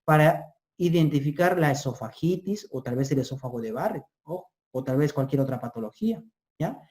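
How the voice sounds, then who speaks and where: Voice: mid-range voice, animated, brisk, darkish tone. A medical exam-prep lecturer who repeats key terms and keeps checking in with listeners. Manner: drills terms by repeating them, tags lines with 'ya?' and 'ojo'. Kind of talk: recorded lecture.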